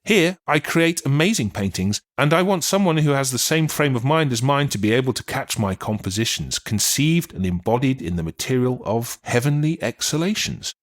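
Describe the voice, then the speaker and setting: A man's voice: mid-range voice, lively intonation, normal speed, hardly any pauses, pitched above the performer's own voice, natural voice. A man reading as the spirit of a dead old male painter, earnest and heartfelt in an audiobook. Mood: tender. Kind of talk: audiobook reading of a channeled letter.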